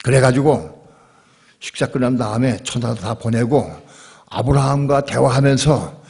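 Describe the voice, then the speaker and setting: A male pastor preaching a sermon at a church service, telling the story in a lively, conversational and emphatic way. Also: medium pitch, a little slow. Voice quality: husky, gravelly.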